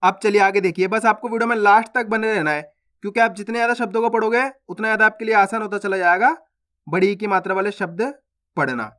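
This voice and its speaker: A man teaching Hindi reading, sounding out syllables slowly and stretching each word, with quicker explanations between. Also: sits high, a bit bright. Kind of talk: slow phonics lesson, drawn-out syllables.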